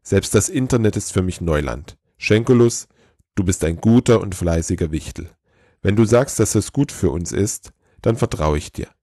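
A man voicing a tired, kindly old Father Christmas who speaks slowly and gently. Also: deep voice, lively intonation, breathy edge, no room sound, clean studio sound, full character voice.

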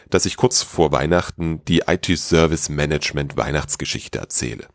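A man hosting a podcast who talks calmly and personally to the listener, then narrates a story. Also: deep voice, no echo, studio quality. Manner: calm, personal, addresses the listener directly.

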